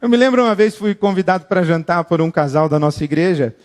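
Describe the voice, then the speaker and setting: A man preaching in an animated, dramatic way, his voice pitched high and bright for a man. A long hall reverb trails behind each phrase. He acts out the words of the people he quotes. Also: quick pace. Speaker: pastor. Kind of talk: sermon.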